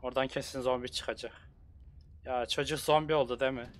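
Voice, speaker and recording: A man streaming a horror game, chatting casually to himself, reacting loudly and swearing often. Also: medium pitch, fairly quick. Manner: excitable, swears often, talks to himself while playing. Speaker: gamer streamer. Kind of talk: casual let's-play commentary.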